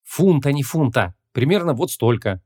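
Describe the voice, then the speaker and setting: Young female detective, voiced by a male reader, raised pitch, brisk and snappy, fantasy audiobook. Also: lively intonation, a little mellow, lightly acted.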